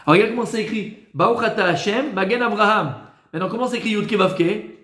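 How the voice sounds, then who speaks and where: A man leads a class as a rabbi, asking the room questions and answering them himself. His voice sits fairly high. The sound rings in an echoey room. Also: quick pace, fairly bright tone. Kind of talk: lively classroom teaching.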